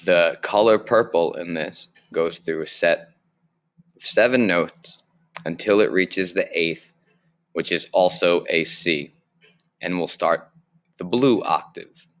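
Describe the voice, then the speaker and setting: Recorded in a small room with a webcam mic, this online lesson has a young, low-voiced man explaining music basics. He goes slowly and clearly, and his voice comes across a bit bright.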